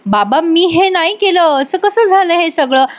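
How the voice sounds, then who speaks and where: A woman's voice: very high voice, animated, a little slow, voice pushed up. A woman voicing an earnest, anxious young woman intern doctor who pleads insistently. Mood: panicked.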